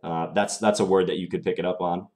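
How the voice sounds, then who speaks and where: A young man with a mild Minnesota accent streams chess live from a small room at home, voicing his thought process as he plays. His voice is low and darkish, fast, with fairly even intonation.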